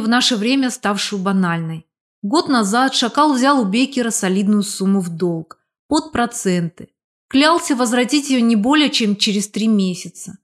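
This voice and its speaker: Brief: female audiobook narrator, first person, steady and measured delivery. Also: on the high side.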